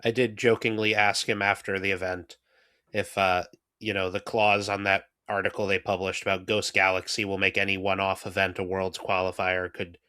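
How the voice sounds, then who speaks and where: A man's voice: sits low, little pitch movement, moderate pace, sharp tone, clean tone. A man co-hosting a casual podcast, telling stories in a dry way. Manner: dry storytelling, frequent backchannel. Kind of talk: casual live-stream chat.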